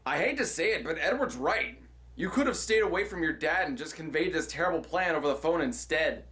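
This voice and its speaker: A man's voice: a little high, animated, fairly quick, a bit bright, a little hiss or hum. A man giving a sarcastic, exasperated scripted film review. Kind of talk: scripted comedic review narration.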